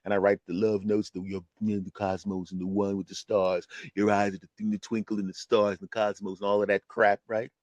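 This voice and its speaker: A man in his fifties, a retired comedian, telling a personal story on his podcast in an animated, conversational way. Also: fairly low pitch, brisk, few pauses, dry recording, lo-fi sound. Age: 50s. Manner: animated, conversational, keeps asking "right?". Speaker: podcast host.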